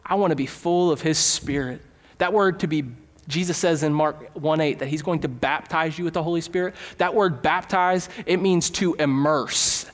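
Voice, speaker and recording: A man preaching in a church with a slightly high voice, relaxed and conversational as he works everyday stories into his sermon. His words ring out with a long reverb from the hall around him. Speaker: pastor. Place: church sanctuary.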